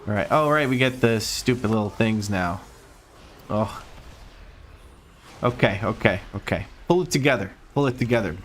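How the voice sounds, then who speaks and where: A man's voice: on the low side, moderate pace, long pauses, a bit bright, a little hiss or hum. A man from Croatia with a Croatian accent, casually commenting on his own gameplay on stream, chatty and self-mocking, swearing now and then.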